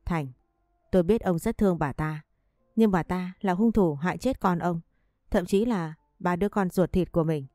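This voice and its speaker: A woman's voice: lowish voice, moderate pace, warm tone, no room sound, clean studio sound, faint music behind, natural voice. A woman voicing a furious, grieving second wife who bites out each word with bitterness.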